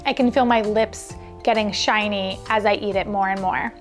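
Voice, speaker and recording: Soft background music accompanies a woman with a mid-range, steady voice who hosts a kitchen cooking show at a moderate pace. She talks conversationally and exclaims while cooking and tasting, like a casual food vlog.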